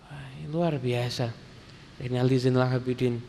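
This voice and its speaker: A man preaching a sermon, telling stories in a relaxed way and acting out the dialogue. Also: medium pitch, moderate pace, slight background noise. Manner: casual Javanese-flavoured Indonesian, acts out quoted dialogue. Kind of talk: sermon storytelling. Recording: long reverb of a hall.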